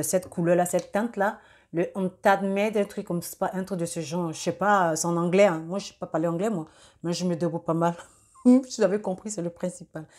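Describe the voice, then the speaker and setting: A young beauty vlogger chats casually through a makeup tutorial, her voice a little low for a woman and slightly mellow. She sounds hesitant, often pausing on fillers and restarting sentences.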